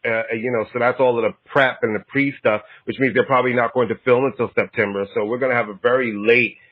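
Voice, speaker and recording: A man's voice: mid-range voice, fairly even intonation, fast. A man co-hosting a podcast in casual chat, explaining things at length and repeating himself. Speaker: podcast co-host. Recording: tinny phone-like line.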